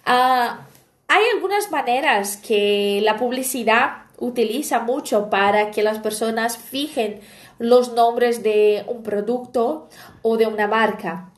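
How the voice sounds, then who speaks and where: High-voiced woman teaching casually. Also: takes it slowly. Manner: chatty, explaining with anecdotes and frequent "¿bien?". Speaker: language teacher. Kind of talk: online language lesson.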